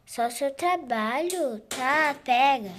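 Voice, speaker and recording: A woman's voice: sits high, animated, slow. A young woman voicing a rude, lazy female flight attendant who sounds huffy and put-upon. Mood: grumbling.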